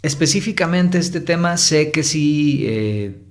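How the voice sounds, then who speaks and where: A man's voice: a little high, lively intonation, takes it slowly. A man tutor teaching a recorded lesson, stretching out words to show stressed syllables, with frequent fillers.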